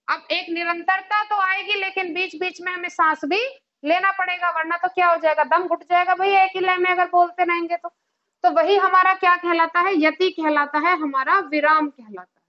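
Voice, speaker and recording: A woman's voice: extremely high pitch, bright, forceful tone, lo-fi sound. A woman Hindi teacher giving an online exam-prep lecture, explaining with rhetorical questions and repeated check-ins to her students. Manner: chants verse examples in a sing-song rhythm.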